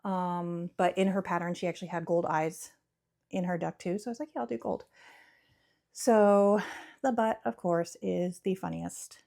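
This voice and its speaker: A woman's voice: lowish voice, steady tone, moderate pace, vocal fry, warm tone. A young woman chatting casually about her crochet projects, rambling and giggly, often correcting herself. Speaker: crochet vlogger and small business owner. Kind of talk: casual chat.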